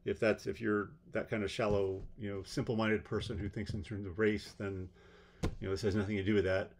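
A man's voice: on the low side, flat delivery, fairly quick, slight background noise. A man giving a rambling spoken commentary on a court case, blunt and sarcastic, with exasperated asides. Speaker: trial commentator.

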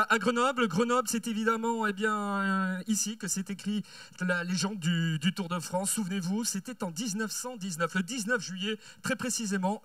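A man's voice: high-pitched, bright, forceful tone, no room sound, recorded from a distance. A man co-presenting riders on a race podium in a chatty way, stretching out their names. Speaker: podium co-announcer.

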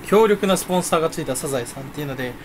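A young man rambling in a casual solo chat from his room at home, self-mocking and jumping between topics with sudden loud bursts. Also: medium pitch, racing, a little hiss or hum. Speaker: streamer chatting solo.

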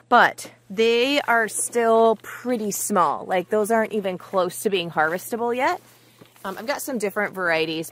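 A woman in her forties from the Pacific Northwest gives a casual, enthusiastic tour of her vegetable garden, talking straight to her viewers. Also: mid-range voice. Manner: chatty and enthusiastic, talks to viewers directly. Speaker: homesteading vlogger. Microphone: handheld phone at arm's length.

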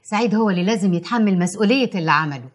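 An actress playing a coaxing, manipulative confidante with a husky voice and an Egyptian Arabic accent. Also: female voice, medium pitch, expressive, very fast, lightly acted. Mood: persuasive.

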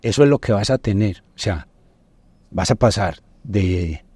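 Warm, slightly rough, and lowish, this middle-aged Colombian-accented man sounds animated yet unhurried. He's a podcast guest teaching business finance didactically with frequent tag questions, recorded dry on a lapel mic in an indoor studio.

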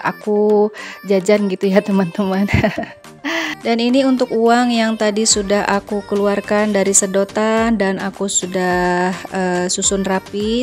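Casting: woman, friendly vlog voice-over, mid pitch, faint music underneath. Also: a little mellow. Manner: chatty, addresses viewers as friends, frequent fillers. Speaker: vlogger. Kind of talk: casual voice-over narration.

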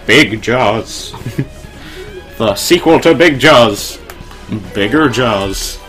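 With game music behind him, a young man streams a racing game and trades rambling jokes with a friend. His medium-pitched, slightly bright voice is animated yet very slow.

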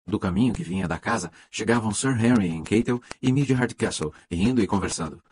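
A man narrating a mystery audiobook in a measured, even storytelling manner. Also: lowish voice, a little hiss or hum. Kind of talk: scripted narration.

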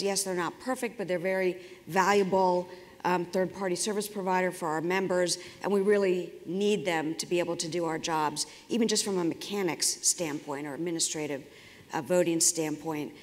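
A woman hosting an interview on a conference stage, asking questions in a measured, polite way. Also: lowish voice. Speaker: host interviewer. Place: conference stage, large hall. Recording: reverberant hall sound.

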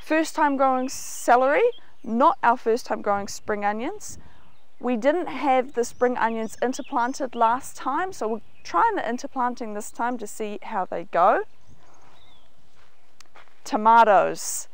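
A woman in her thirties with a New Zealand accent walks through her large vegetable garden outdoors, pointing at crops as she gives an enthusiastic, explanatory tour of her market garden. Her slightly high voice has lively intonation and a slightly slow pace.

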